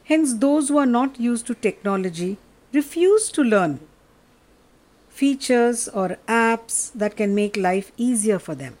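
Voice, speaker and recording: A woman giving a reflective explanatory talk in measured, deliberate phrases. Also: a little high, lively intonation, a little mellow. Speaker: speaker on curiosity and meditation.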